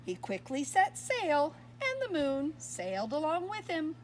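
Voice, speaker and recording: High, lively woman reading a storybook. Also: a little slow, a little hiss or hum. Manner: expressive, asks listeners questions. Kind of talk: reading a picture book aloud to young children.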